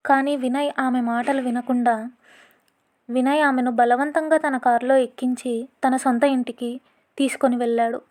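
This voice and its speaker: A woman narrating a dramatic audio story in a steady, scripted reading. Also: high-pitched, moderate pace.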